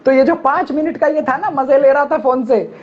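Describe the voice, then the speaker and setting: A man hosting a casual chat, telling an anecdote in a lively way and acting out what people said. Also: extremely high pitch, normal speed. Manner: animated anecdote telling, acts out quotes. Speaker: host. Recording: dull lo-fi sound.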